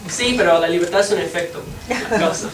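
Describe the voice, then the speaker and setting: This bilingual classroom lesson comes from a teacher with a mid-range voice whose first language is English. The delivery is halting as the teacher hunts for words mid-translation, captured on a far-off mic in a noisy, echoing room.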